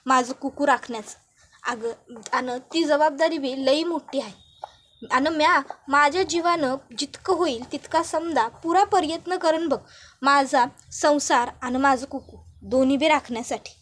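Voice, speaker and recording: A woman's voice: high voice, a little slow, fairly bright tone. A woman doing a pleading young village wife. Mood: praying. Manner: pleading, urgent.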